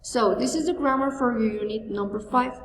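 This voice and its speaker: A woman teacher giving a bilingual grammar lesson, slow and deliberate, spelling out each example. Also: on the high side, a little hiss or hum. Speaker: English teacher. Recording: echoey room heard from far off.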